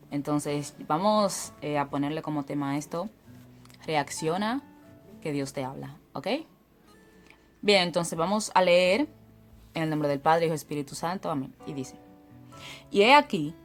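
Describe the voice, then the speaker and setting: A woman teaching a Bible story. She reads scripture aloud and explains it in a conversational preaching manner. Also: on the low side.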